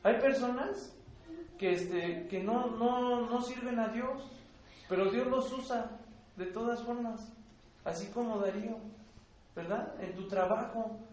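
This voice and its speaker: A man with a Mexican accent preaching a sermon in a church hall, earnest and growing loud when he reads scripture. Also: very high-pitched, slow pace. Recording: very echoey hall, faint background noise.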